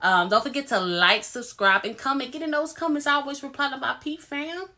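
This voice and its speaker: A woman host casually recapping a reality show episode in a chatty, animated way, acting out reactions. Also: high voice, a little fast.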